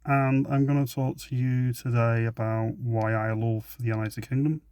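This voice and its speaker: English man ranting to camera in a flat, even voice, dry recording, dismissive and repetitive. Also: medium pitch, normal speed, clear, resonant tone, no echo. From England. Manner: emphatic, repetitive restarts, dismissive. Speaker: vlogger giving opinions. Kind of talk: unscripted opinion monologue.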